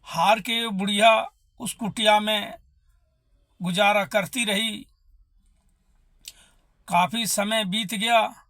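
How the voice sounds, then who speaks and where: A man's voice: high-pitched, steady tone, takes it slowly, long pauses, fairly bright tone, no echo. A man telling a devotional story, emotive and addressing listeners as brothers.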